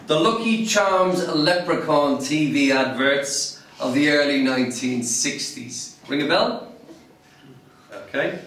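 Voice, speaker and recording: A man's voice: on the high side, fairly bright tone. A man giving a prepared speech to a club audience, theatrical, wry and emphatic. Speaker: club public speaker. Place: club meeting room. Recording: very echoey room, voice from far off.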